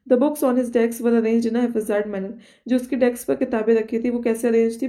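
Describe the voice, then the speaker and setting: Female vocab tutor, mellow, monotone delivery, self-correcting. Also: fairly high pitch. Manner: explains by listing synonyms, checks with "theek hai"; reads English example sentences slowly and deliberately. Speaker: vocabulary teacher. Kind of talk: exam-prep vocabulary lesson.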